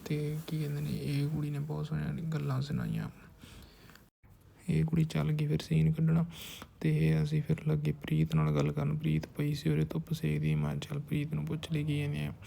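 A man's voice: on the high side, brisk, gravelly, mellow. A man narrating a behind-the-scenes shoot in casual, rambling chat, often dropping to whispered asides. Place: village house on a film shoot.

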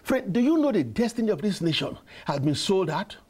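A pastor preaching a fervent prayer sermon at a church service, repeating commands and praying in tongues. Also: male voice, high-pitched, sing-song, brisk, a little mellow, husky. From immigrant to Canada.

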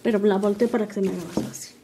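A woman's voice: mid-range voice, racing, background noise. An older woman, patiently explaining an embroidery stitch step by step as she works. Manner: patient, calmly narrates each stitch while working. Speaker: embroidery teacher. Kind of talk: step-by-step craft tutorial.

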